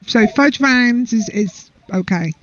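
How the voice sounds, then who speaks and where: A woman's voice: fairly high pitch, lively intonation, takes it slowly, crowd noise. An English woman co-hosting a casual chat, chatty and rambling as she reviews snacks. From England. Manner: chatty, rambling, self-deprecating. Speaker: co-host. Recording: dull lo-fi audio.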